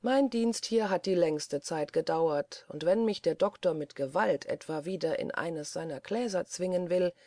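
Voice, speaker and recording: A reader voicing a sly old male servant in an audiobook, speaking calmly and dryly. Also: mid-range voice, moderate pace, few pauses, dry recording, close to an everyday voice. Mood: bitter. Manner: calm, dry, sardonic. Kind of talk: audiobook character voice.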